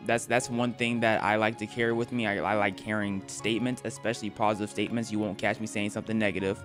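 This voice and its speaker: Rambling and joking with his chat on a late-night live stream, the tired young man frequently repeats and restarts his words. His voice is on the low side with a fairly bright tone.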